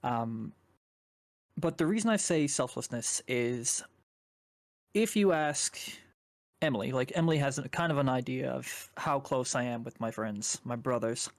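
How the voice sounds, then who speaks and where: A man's voice: medium pitch, lively intonation, measured pace, no echo, clean studio sound. A young man from Canada, a guest on a chat stream, rambling casually through a personal story and swearing now and then.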